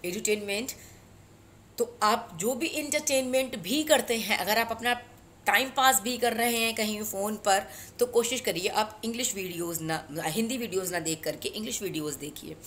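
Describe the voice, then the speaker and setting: A woman with an Indian accent teaching a spoken English lesson, switching between Hindi and English and slowing down for English phrases. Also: mid-range voice, fairly bright tone, slight background noise. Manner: mixes Hindi and English, slow deliberate English phrases.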